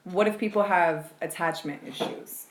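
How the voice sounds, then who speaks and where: A woman's voice: fairly low pitch, normal speed, echoey room, a little hiss or hum. A woman hosting a casual podcast chat, asking probing, frank questions. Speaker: podcast host.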